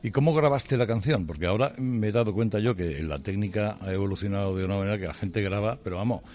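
Locutor de radio de voz grave. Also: male voice, lowish voice, fast talker, darkish tone. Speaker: radio host. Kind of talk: radio interview.

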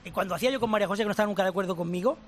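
High-voiced older professor explaining. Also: male voice, very fast. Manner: emphatic, explanatory, addresses host formally. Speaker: language professor and author. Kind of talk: radio interview guest.

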